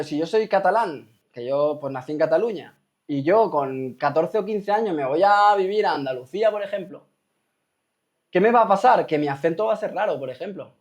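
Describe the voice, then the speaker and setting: A man's voice: on the high side, darkish tone. A man gives a casual spoken talk to his viewers, checking in often with rhetorical questions. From Spain. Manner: rhetorical, keeps asking "¿me explico?". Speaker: host.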